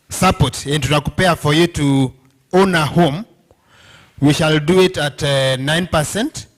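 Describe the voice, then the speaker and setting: A man's voice: on the high side, a bit bright. A man with a Kenyan accent giving an informal presentation to a group, often checking in with listeners as a representative speaker. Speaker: bank representative presenting to union members. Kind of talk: informal presentation mixing English and Swahili.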